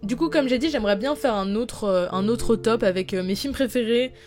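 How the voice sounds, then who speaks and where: Excited woman ranking her favorite series. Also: fairly high pitch, a little fast, faint music behind. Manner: enthusiastic and opinionated, with frequent restarts. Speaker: YouTuber. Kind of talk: casual video review.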